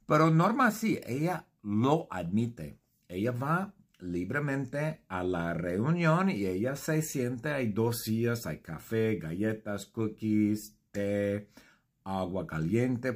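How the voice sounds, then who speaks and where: Husky male storyteller, goofy and lively, swoops into high shouts; comic improvised tale. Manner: playful, animated, jumps into high shouted voices.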